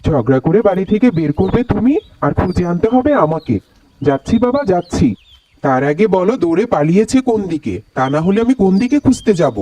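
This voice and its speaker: A gentle cartoon dad. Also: male voice, high-pitched, very animated, brisk. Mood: grumbling. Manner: mild and coaxing. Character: gentle, patient father of a young boy. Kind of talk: cartoon voice acting.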